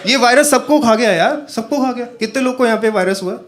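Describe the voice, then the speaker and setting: High-voiced man doing stand-up. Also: fairly quick, noisy background. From northern India. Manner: animated storytelling, talks to the audience. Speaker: stand-up comedian. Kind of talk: stand-up comedy set. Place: comedy stage with a live audience.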